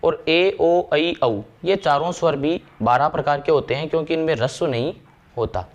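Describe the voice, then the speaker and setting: Guy teaching grammar, kinda high voice, slows down to recite verses. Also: muffled recording. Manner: explains step by step, slows to recite verses and vowels. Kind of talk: classroom lecture.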